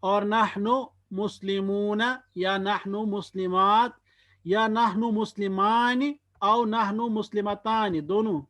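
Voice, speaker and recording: A man teaching Arabic grammar in Hindi, saying each word form slowly and then explaining its meaning. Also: sits high, fairly even intonation, a bit bright. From Kashmir, India. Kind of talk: slow spoken lesson drilling word forms.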